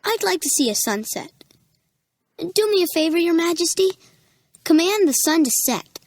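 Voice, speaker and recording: A woman's voice: extremely high pitch, big pitch swings, normal speed, dry recording, studio quality, full character voice. An actress playing a polite, curious little boy prince in an audiobook drama. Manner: polite, earnest. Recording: music playing behind.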